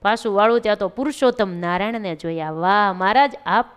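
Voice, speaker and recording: A woman's voice: mid-range voice, brisk, clean tone. A woman with a Gujarati accent telling a devotional story as a sermon, expressively acting out the pleading voices of the people in it. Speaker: religious storyteller.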